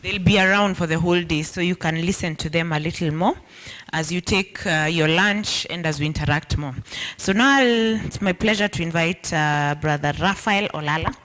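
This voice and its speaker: A woman's voice: on the low side, moderate pace, a bit bright. A woman with a Kenyan accent introducing speakers at a meeting as master of ceremonies.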